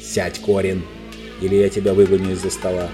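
A man voicing a stern but kindly king and father in a storybook reading, firm and measured. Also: low-pitched, monotone, music in the background, lightly acted.

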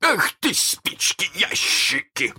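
A man reading a story aloud and voicing a fierce, proud male pirate captain who shouts theatrically in a raised voice. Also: medium pitch, huge pitch swings, slow, pitched above the performer's own voice, heavily acted. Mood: furious.

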